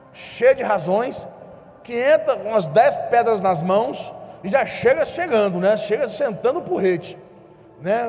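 A man's voice: sits high, a little mellow, in a large hall. A Brazilian man preaching a sermon, asking his listeners questions and acting out the dialogue of the story he tells. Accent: Brazilian Portuguese. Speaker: pastor.

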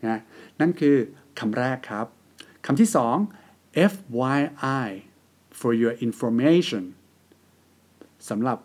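A man hosting a podcast, teaching in a measured, polite way and spelling out English letters slowly. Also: medium pitch, animated, a little mellow, breathy edge. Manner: polite, measured, often ending phrases with a polite particle. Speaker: podcast host. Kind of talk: scripted explainer on email writing.

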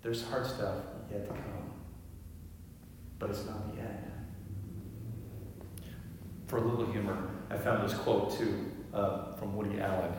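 A man preaching a sermon as pastor, gentle and reflective, often dropping to a soft, quiet voice. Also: lowish voice, little pitch movement, a little slow, pauses often, background noise. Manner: gentle, reflective, drops to quiet near-whispers. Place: large church sanctuary. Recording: echoey hall, voice from far off.

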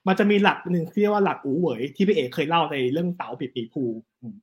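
A man, telling history stories in a casual, animated chat. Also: high voice. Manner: animated, fast storytelling with quick asides. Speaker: guest storyteller on history.

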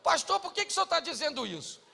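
A man's voice: very high-pitched, big pitch swings, fast, creaky, bright, forceful tone, in a large hall, slight background noise. A Brazilian man in his forties, a pastor preaching a humorous sermon and acting out the people he describes. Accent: Brazilian Portuguese. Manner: joking, acts out quoted people in dialogue.

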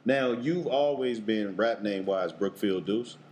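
A man's voice: fairly low pitch, unhurried, darkish tone, a little hiss or hum. Slangy Bay man hosting an interview. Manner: loose, slangy, lots of back-channel affirmations. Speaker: podcast host. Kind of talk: casual interview chat.

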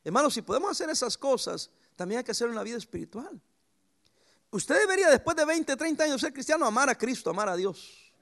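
Male pastor, high gravelly voice, very lively swings in pitch, preaching with homely stories. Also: quick pace. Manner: lively preaching with sudden pitch jumps and anecdotes. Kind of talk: sermon.

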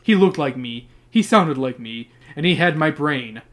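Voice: medium pitch, animated, fairly bright tone. A reader doing an earnest scientist dad. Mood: grave. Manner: slow, earnest, dramatic delivery with mock gravity. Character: earnest middle-aged father scientist, sheepish.

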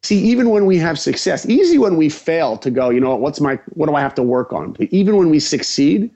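A man from New York, a guest animator, telling his story with lively acted-out dialogue. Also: a little high, a little fast, muffled recording.

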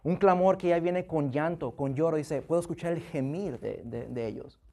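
A man preaching a sermon, talking in halting bursts with many restarts and frequent rhetorical questions, and acting out heartfelt prayers. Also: on the high side, gravelly, a little mellow. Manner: acts out prayers with rising intensity.

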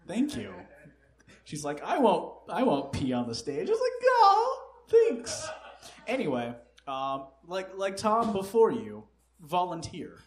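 Hosting a comedy quiz before a live audience, this man jokes, curses and laughs a lot. His voice sits high with huge swings in pitch, and he speaks at a slow pace. The venue recording is echoey, with a little background noise.

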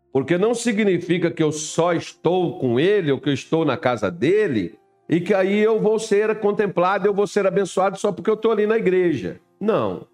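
Um homem pregando um sermão informal com humor, conversando com a congregação e imitando vozes de fiéis. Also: male voice, high-pitched, darkish tone. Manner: chatty, acts out voices of churchgoers; directs someone to put up Bible verses. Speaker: preacher. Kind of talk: informal sermon with humorous asides.

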